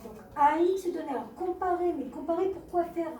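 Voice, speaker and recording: A woman with a very high voice leads a math class, patient and steady, often checking that students follow. Her tone is soft and mellow, and she sounds set back from the mic in a roomy classroom. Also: a little fast, slight background noise. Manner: patient, repeats and asks the class questions. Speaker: math teacher. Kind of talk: classroom explanation. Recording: echoey classroom from far off.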